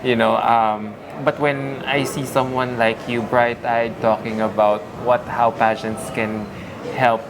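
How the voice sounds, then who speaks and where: Man, interviewer, encouraging, mid pitch, crowd noise behind. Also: level tone, unhurried. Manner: encouraging, with affirming fillers. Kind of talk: casual interview. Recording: noisy crowd around. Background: crowd chatter.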